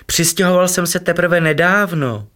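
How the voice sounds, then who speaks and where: A man voicing an eager, excitable small male creature in a children's story, with drawn-out exclamations. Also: lowish voice. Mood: excited.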